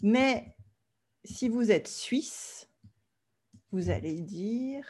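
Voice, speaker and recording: A French woman leads an online language class. She explains things patiently and plainly, pausing to make sure her students are following along. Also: fairly high pitch, expressive, a little mellow. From France. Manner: clear, patient explaining, often checks with "d'accord?". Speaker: French teacher.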